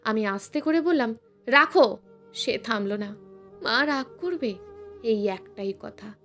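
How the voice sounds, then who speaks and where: A woman's voice: on the high side, animated, measured pace. A woman storyteller reading a scripted first-person family drama in an earnest, emotional way. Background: soft background music.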